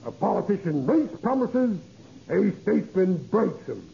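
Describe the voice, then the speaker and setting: Glib, gravelly American ward politician. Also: male voice, high-pitched, very animated, moderate pace, mellow, exaggerated voice. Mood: glib cynicism. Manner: grandiose, oily mock-sincere. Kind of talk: 1940s-50s radio comedy acting. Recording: muffled, hissy old radio recording.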